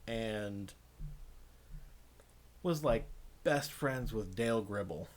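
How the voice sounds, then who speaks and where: A man's voice: lowish voice, animated, takes it slowly. A man co-hosting a podcast, chatting casually and cracking crude jokes. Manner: joking, crude humor. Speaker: podcast co-host. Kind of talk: casual chat.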